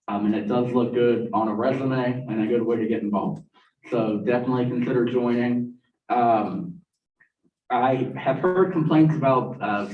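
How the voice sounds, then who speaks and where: Young guy giving his report, jokey, lots of uhs, far off, kinda muffled. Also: medium pitch. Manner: casual, joking, many "uh" fillers. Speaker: student government officer for academic affairs. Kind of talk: meeting report. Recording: muffled, echoey room, distant mic.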